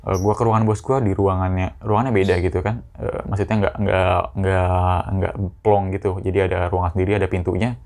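A man's voice: low voice, level tone, fairly quick, gravelly, darkish tone. A young man hosting a casual solo podcast, rambling with lots of restarts and slang. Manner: rambling, many restarts, slangy Jakarta-style informal talk. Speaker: podcast host.

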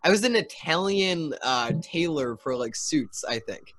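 A man's voice: fairly high pitch, lively intonation, a little slow, a bit bright, no echo. Hesitant rambling podcast host, a man. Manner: rambling, hesitant, many ums and restarts. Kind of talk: casual chat.

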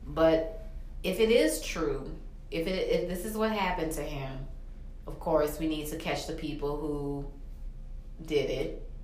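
A woman's voice: low voice, a little slow, pauses often, a little mellow. A woman hosting a casual chat in a colloquial, rambling, quippy way. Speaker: podcast host. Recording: roomy echo.

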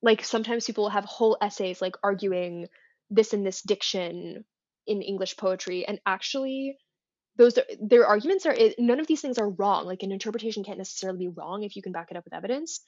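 A woman's voice: mid-range voice, a little fast, a little mellow, dry recording, lo-fi sound. Thoughtful woman co-hosting a literary podcast. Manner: thoughtful, hedging, many restarts. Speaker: podcast co-host. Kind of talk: casual literary discussion.

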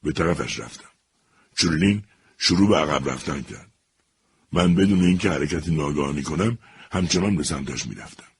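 A man narrating an audiobook in a steady, measured storytelling read. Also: extremely low pitch, slightly rough, no room sound. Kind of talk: scripted narration.

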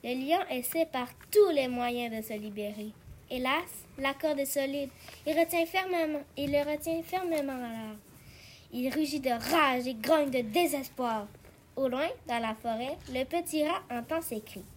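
High-voiced woman reading a fable. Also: normal speed, darkish tone, slight background noise. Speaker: narrator.

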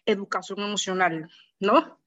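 A woman's voice: medium pitch, normal speed, fairly bright tone, muffled recording. A woman, chatting frankly as a podcast co-host and acting out quoted voices. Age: 20s. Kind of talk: casual podcast chat.

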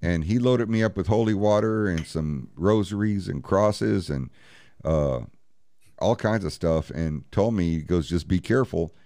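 A man's voice: low voice, measured pace, mellow, no echo. A man, a paranormal investigator, telling a story in an interview and bluntly acting out each exchange with "he goes" and "I said". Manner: blunt, profane, retells scenes with "he goes, I said".

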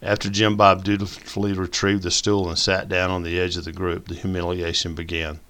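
A man narrates a novel. His voice is deep and his telling folksy and measured. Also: flat delivery, a bit bright. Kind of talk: audiobook narration.

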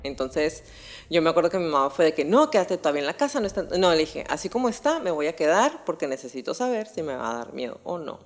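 A young woman with a Mexican accent telling a personal story on a podcast in a casual, animated way, full of slang and swearing. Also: sits low, fast talker, faint music behind. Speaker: podcast host.

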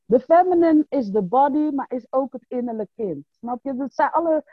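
A woman's voice: high voice, lively intonation, moderate pace, dry recording. A woman coach in a casual podcast conversation, explaining patiently and often checking in with "you know?". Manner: explains patiently with frequent "snap je?" and "weet je". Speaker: coach and workshop teacher. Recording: tinny phone-like line.

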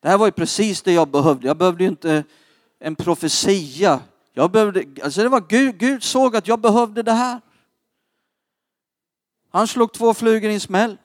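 A man preaching a testimony with dramatic swings between hushed asides and fervent peaks. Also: high-pitched, no room sound, clean studio sound. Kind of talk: sermon testimony.

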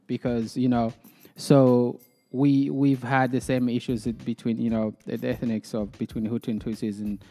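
Mellow-voiced man with a Burundian accent. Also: medium pitch, little pitch movement. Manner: halting, repeats words as he goes. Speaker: interview guest. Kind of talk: conversational interview, telling own story.

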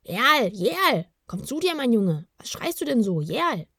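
A woman's voice: fairly low pitch, animated, fairly quick, a little mellow, no echo, clean studio sound. A woman voicing a worried, bearded male kobold who talks in an anxious, urging way in a storybook reading. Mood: alarmed.

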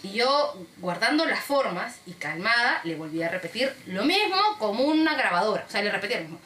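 A Peruvian woman co-hosting a casual podcast chat, telling a work story with lively delivery and acting out her callers. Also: mid-range voice, brisk, roomy sound. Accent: Peruvian Spanish. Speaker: podcast co-host.

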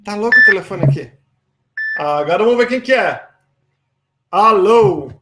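A Brazilian man runs a live call-in show in a teasing, joking way. His voice sits high and sounds bright. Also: lively intonation, a little fast, slight background noise. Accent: Brazilian Portuguese. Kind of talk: casual live call-in chat. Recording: call audio from phone.

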